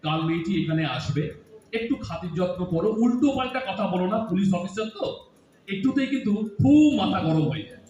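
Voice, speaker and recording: As a grown son in a Bengali audio drama, a male radio actor teases his mother and aunt and lectures them. He has a high, slightly mellow voice with lively intonation and a quick pace, highs cut off, recorded distantly in an echoey room with faint hiss.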